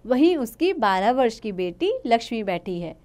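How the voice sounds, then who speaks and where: A woman's voice: fairly high pitch, sing-song, normal speed, darkish tone. A woman teacher reading a play aloud to children, addressing them as she narrates.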